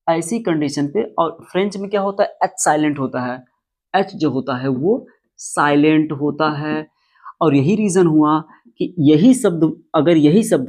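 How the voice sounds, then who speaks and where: A man's voice: a little high, a little mellow. A man teaching English pronunciation, explaining rules emphatically and repeating key words. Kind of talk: classroom-style explanation.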